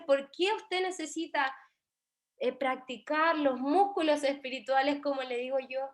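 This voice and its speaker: A young woman with a Chilean Spanish accent teaching an online Bible class, speaking earnestly and emotionally, often restarting her sentences. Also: high voice.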